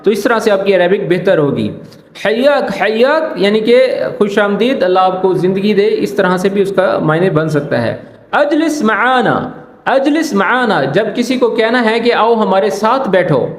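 A male tutor gives a casual Arabic lesson in a fairly high voice. He drills each phrase slowly and keeps asking whether his listeners follow. The room around him rings with echo. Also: lively intonation. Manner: repeats phrases slowly, asks "ٹھیک ہے نا?" often. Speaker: Arabic teacher. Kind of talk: casual language lesson explaining drama lines.

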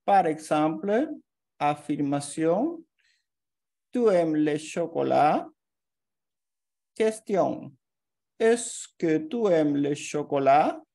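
Very slow, mellow-voiced woman teacher. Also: sits low, lively intonation. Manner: slow, careful reading of example sentences. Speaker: language teacher. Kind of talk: slow scripted grammar lesson.

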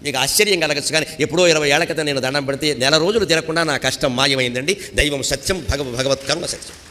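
A man's voice: a little high, fast talker, sharp tone, big-room sound, a little hiss or hum. A man giving a devotional discourse, asking rhetorical questions and quoting Sanskrit verses. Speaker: spiritual speaker.

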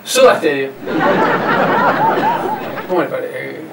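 A man's voice: mid-range voice, big pitch swings, slow pace, vocal fry, reverberant, distant mic, over a noisy crowd, very noisy. A man with a Uruguayan accent hosting a comedy show, pushy and prodding, playing the presenter. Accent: Uruguayan Spanish. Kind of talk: comic hosting banter.

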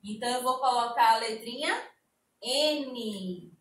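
A woman teacher with a Brazilian accent, slowly explaining a lesson to young children and drawing out her example words. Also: fairly high pitch, animated, a bit bright. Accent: Brazilian Portuguese. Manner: slow, sing-song explaining with drawn-out example words. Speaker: primary school teacher. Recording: echoey room, a bit distant mic.

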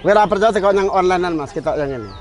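A man with a Central Javanese accent selling lamps at an outdoor market, loudly joking and haggling prices down. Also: high voice, expressive. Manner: loud, joking, rapid counting and haggling. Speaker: street vendor selling lamps. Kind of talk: market sales patter, auctioning down prices.

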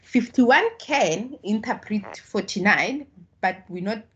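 A South African woman whose first language is Tswana teaches statistics in an online tutorial, explaining slowly and patiently and restarting sentences as she goes. Her medium-pitched voice is expressive, a bit bright and husky, and the video-call recording sounds muffled.

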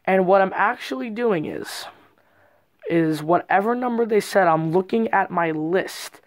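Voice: medium pitch, unhurried. A presenter giving an informal, explanatory step-by-step card trick tutorial in a casual way. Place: indoors at a card table.

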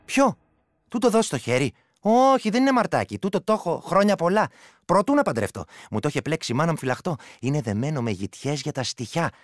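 An actor playing a rural Greek soldier who tells a superstitious tale in old village dialect, in a radio play. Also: male voice, mid-range voice, few pauses, dry recording, clean studio sound, faint music behind, natural voice. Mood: earnest. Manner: storytelling, rustic dialect, shifting loud and hushed. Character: village man, soldier telling a folk tale.

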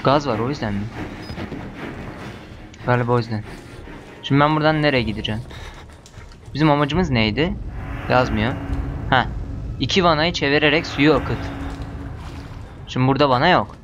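A man with a Turkish accent commenting on a horror game as he plays, muttering to himself and breaking into panicked shouts when chased. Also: mid-range voice, moderate pace, long pauses, a little hiss or hum. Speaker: gamer.

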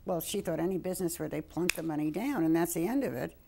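A woman interviewed for a documentary, telling family stories. Her voice is low, gravelly and dark. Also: fast talker, a little hiss or hum. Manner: anecdotal storytelling.

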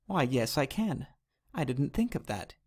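A man voicing a gentle, polite little male butterfly creature in an animated storybook. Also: medium pitch, unhurried, slightly rough. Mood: kind, cheerful.

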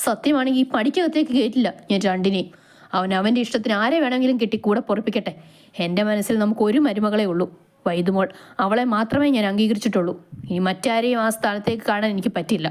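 A woman's voice: mid-range voice, fast, darkish tone, natural voice. A woman voicing a protective older mother who speaks with fierce resolve. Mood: resolute.

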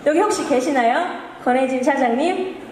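Young woman, high voice, bubbly halting stage talk, echoing hall with crowd noise. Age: young adult. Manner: bubbly, halting, self-correcting. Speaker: singer hosting her own concert. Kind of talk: casual stage talk and reading aloud to fans. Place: on stage in a large indoor concert venue. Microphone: handheld stage microphone. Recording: echoey concert hall, crowd noise behind.

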